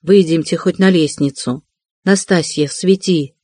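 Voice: mid-range voice, a little slow, darkish tone, dry recording, lightly acted. A reader voicing a tipsy, boisterous young man who blusters and bellows. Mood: blustering.

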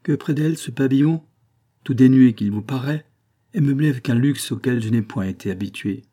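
A man's voice: brisk, dark tone, close to an everyday voice. A man reading an audiobook voices a proud, anguished young countess in a raised, tense, pleading tone. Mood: wistful. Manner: tense, pleading and high-pitched. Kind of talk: audiobook character voice.

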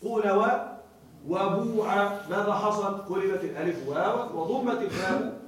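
A man teaching a grammar class, explaining slowly, repeating key words and checking that students follow. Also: high voice. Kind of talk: classroom lecture. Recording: very echoey room, voice far from mic.

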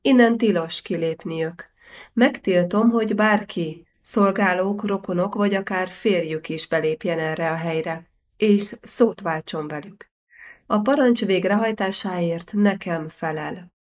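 A woman's voice: fairly low pitch, lightly acted. A woman voicing a stern, cold, aging medieval king who gives commands. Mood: commanding.

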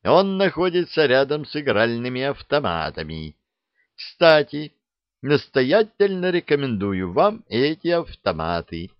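A man's voice: medium pitch, big pitch swings, unhurried, smooth, no room sound, pitched above the performer's own voice. A man voicing a suave, carefree male captain who talks in an airy, languid way. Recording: dull dry recording.

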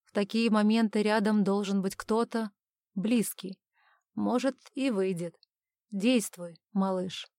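A detached male mind-mage, read by a woman narrator, delivering grim news in a flat, measured tone. The audiobook sounds dry and close. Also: medium pitch, dry recording, natural voice. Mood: quiet gravity. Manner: dispassionate, measured.

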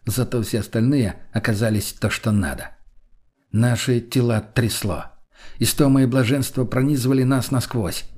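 A man reading a first-person audiobook in a steady, matter-of-fact way, with a husky voice. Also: medium pitch, moderate pace. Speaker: audiobook narrator.

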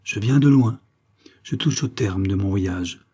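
A man's voice: on the low side, unhurried, dark tone, slightly rough. A man voicing a proud, worn-out royal woman in exile, declaiming in a lofty, solemn way. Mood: haughty, solemn.

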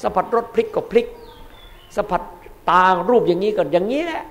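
A man, a Buddhist monk, giving a dharma sermon in an emphatic way, repeating key words and swinging between loud and soft. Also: sits high, expressive, brisk, gravelly.

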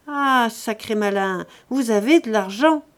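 Woman reader as a mocking peasant son: loud, sneering, scornful. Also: on the high side, animated, moderate pace, natural voice. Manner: sneering and taunting.

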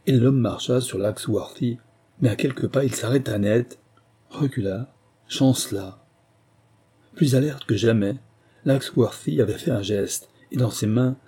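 Dark husky male audiobook narrator. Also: on the low side. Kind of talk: scripted narration.

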